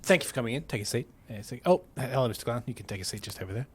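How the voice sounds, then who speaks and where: A man playing an awkward, soft-spoken boss in improvised comedy, hesitant and stiffly polite. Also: mid-range voice, animated, racing, breathy edge, voice pushed down. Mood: uneasy, polite. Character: awkward, soft-spoken male boss holding a disciplinary meeting. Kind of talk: improvised comedy role-play.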